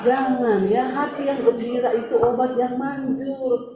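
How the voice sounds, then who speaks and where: A woman's voice: high voice, a little slow, reverberant, heavy background noise. A woman pastor preaching a sermon, telling a story with humor and frequent laughter. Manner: humorous, animated, laughing often.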